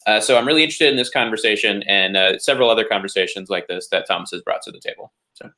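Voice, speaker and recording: A man's voice: fairly low pitch, rapid-fire, bright, forceful tone. A man guest on a roundtable show, a wrestling referee, introducing himself in an eager, rambling way with many fillers. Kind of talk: casual roundtable chat.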